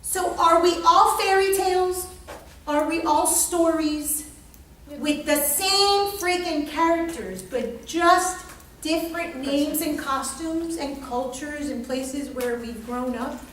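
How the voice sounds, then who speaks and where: A woman with a high, fairly bright voice gives an interactive psychology lecture as lecturer and group leader. She speaks slowly, emphatically and probingly, repeating phrases. The room is echoey, with a distant mic and faint noise.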